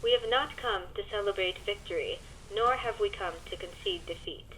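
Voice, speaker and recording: A woman playing a resolute widowed opposition leader, giving a measured, earnest political speech. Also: mid-range voice, a bit bright, slight background noise, natural voice, low-quality recording. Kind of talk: scripted political speech acting.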